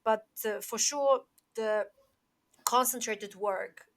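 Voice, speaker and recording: A woman in a casual discussion, speaking reflectively and pausing to search for words as she makes her points. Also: a little high. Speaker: panel participant.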